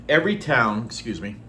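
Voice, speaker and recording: In a personal vlog, a middle-aged native Norwegian speaker talks earnestly and without hurry, often saying "um" and clearing his throat. His voice is mid-range and a bit bright, with slight background noise.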